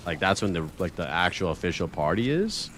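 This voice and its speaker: A man's voice: low voice, big pitch swings, brisk, fairly bright tone, a little hiss or hum. A young man chatting as a guest on a gaming stream, easygoing, laughing and swearing, saying "bro" and "dude". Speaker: guest content creator. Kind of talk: casual gaming chat.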